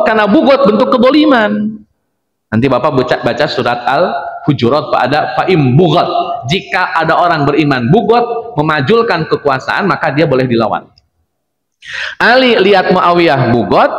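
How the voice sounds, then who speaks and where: A male preacher gives a mosque lecture, telling history like a story and acting out the dialogue. His voice sits a bit high, and it rings with the long reverb of a large, echoey hall. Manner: lively storyteller addressing men as "Pak", acting out dialogue.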